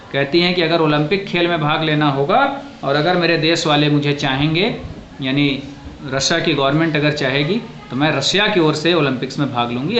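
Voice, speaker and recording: Teacher explaining English prose, echoey room. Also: male voice, fairly high pitch, fairly bright tone, muffled recording. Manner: reads English lines slowly, then explains them in Hindi; speaks directly to students, repeating himself. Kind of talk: classroom lesson explaining English prose in Hindi. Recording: echoey room with faint background noise.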